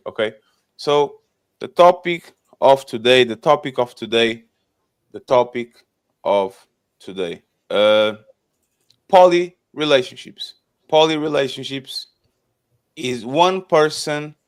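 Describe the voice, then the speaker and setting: A man with a medium-pitched, clear, resonant voice moderates a casual panel show streamed live. He announces upcoming episodes and introduces guests in a loose, repetitive manner, frequently ending sentences with "okay?".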